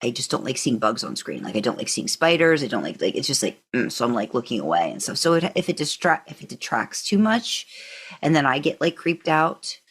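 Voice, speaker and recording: Rumbling low and husky, her voice swings widely in pitch and runs a little fast. She's a narrator by trade, here co-hosting a podcast and casually hashing out fan opinions with plenty of hedges.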